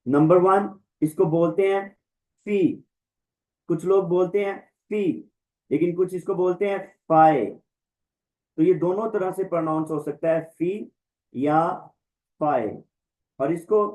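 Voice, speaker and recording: A man teaching an online Greek class, slowly reciting and repeating letter names for students to follow. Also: high voice, darkish tone, rough recording. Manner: slow, repetitive recitation, drawing out letter names. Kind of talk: online class lesson, drilling the alphabet.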